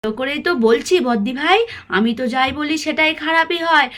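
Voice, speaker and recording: A woman's voice: high-pitched, moderate pace, a bit bright. A woman voicing a hurt young wife in a cartoon story, speaking in an aggrieved, complaining way.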